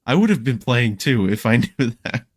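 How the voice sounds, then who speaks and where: A young man talking as a podcast guest, telling stories in a relaxed way with lots of fillers and restarts. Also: medium pitch, moderate pace, no room sound, clean studio sound. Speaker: podcast guest, Minecraft creator. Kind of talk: casual podcast chat.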